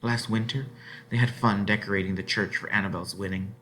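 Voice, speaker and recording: A children's book is narrated aloud by a man whose voice sits on the low side; he performs it expressively, lingering on words and giving lines dramatic phrasing.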